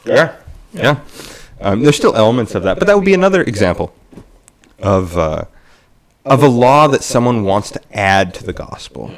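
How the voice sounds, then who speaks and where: A man's voice: medium pitch, big pitch swings, moderate pace, pauses often. A man co-hosting a casual podcast discussion, teasing the others and circling around his points. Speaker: podcast co-host.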